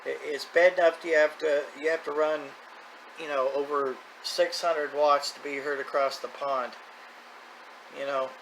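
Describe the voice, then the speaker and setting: This hobby-video host, middle-aged or older, speaks a bit slowly in a steady, slightly bright voice on the high side. His unscripted vlog monologue is casual, plain, and folksy, and the rough recording picks up clear background noise and ambient sound.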